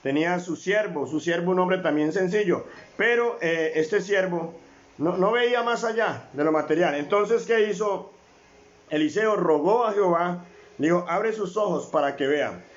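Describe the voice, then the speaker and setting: A man's voice: high-pitched, measured pace, highs cut off. A man preaching a sermon as a pastor, often calling on his brothers, asking rhetorical questions and repeating phrases.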